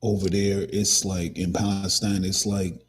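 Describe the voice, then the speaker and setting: A man's voice: low voice, little pitch movement, a little slow, husky. A man hosting a casual commentary talk, rambling with many restarts and fillers. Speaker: podcast host.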